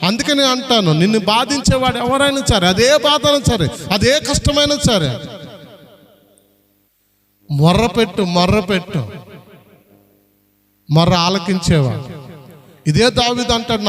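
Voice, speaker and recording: A man's voice: very high-pitched, expressive, normal speed, fairly bright tone. A man preaching a sermon as pastor, repeatedly urging the congregation to answer aloud. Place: prayer hall. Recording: long hall reverb.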